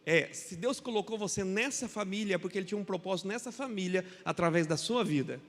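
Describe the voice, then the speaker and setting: Brazilian male pastor, high-pitched preacher, animated storytelling sermon, long church reverb. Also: fast talker. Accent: Brazilian Portuguese. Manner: storytelling with quoted dialogue, swings between loud and quiet. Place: church hall.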